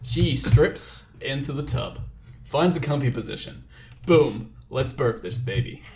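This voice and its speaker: A man's voice: mid-range voice, expressive, measured pace, darkish tone, slight background noise. Laughing man reading a story aloud. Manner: laughing, playful, slips into mock impressions. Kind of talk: comedic storytelling chat.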